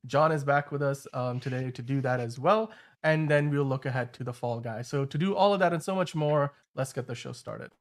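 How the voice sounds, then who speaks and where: A man's voice: mid-range voice, fairly quick. A man hosting an entertainment news show, giving casual commentary in a loose, conversational way with frequent asides.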